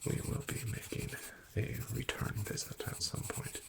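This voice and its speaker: At a moderate pace, a man plays a house-call doctor in a whispered ASMR roleplay. His hushed delivery is dryly deadpan, sprinkled with soft fillers.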